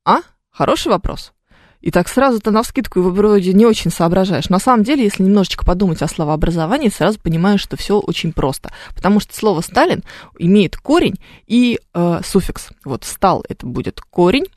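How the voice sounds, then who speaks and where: A woman's voice: medium pitch, animated, a little fast, darkish tone, no room sound. Woman radio host, chatty and explanatory, thinking aloud, dry close studio mic. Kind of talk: live radio call-in chat about language.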